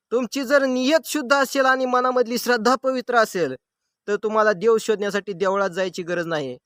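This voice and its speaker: A man's voice: high-pitched, fairly bright tone, dry recording, studio quality. A man telling a devotional story to camera outdoors in the sun, earnest and preaching in manner.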